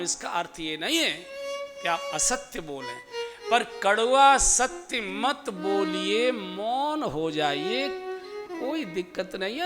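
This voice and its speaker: High-voiced preacher man, slow sermon. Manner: sing-song preaching with slow, stretched phrases. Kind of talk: devotional sermon.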